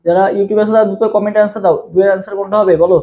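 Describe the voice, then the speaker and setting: A young man with a Bangladeshi Bengali accent runs a rapid live exam-prep class. He talks at a brisk clip and circles back to the same question again and again, coaxing his viewers to answer. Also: high-pitched, little pitch movement, muffled recording. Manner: fast, repetitive, drills each question over and over. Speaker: admission test tutor.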